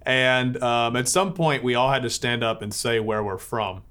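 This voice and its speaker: Man telling stories, relaxed and chatty. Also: medium pitch, normal speed. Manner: relaxed storytelling with filler words. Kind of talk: informal talk to a church audience.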